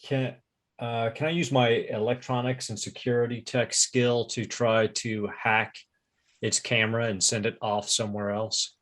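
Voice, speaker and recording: A man's voice: mid-range voice, flat delivery, unhurried, a bit bright. A man playing in a tabletop game, methodically explaining his rolls and his character's skills. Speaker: player. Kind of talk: casual tabletop play.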